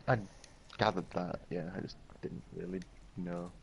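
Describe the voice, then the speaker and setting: A Scottish man chatting dryly and deadpan with a friend while they play a game. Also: sits low, a little slow, creaky, a little hiss or hum. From Scotland. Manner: dry and deadpan. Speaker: co-player. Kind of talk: casual gaming chat.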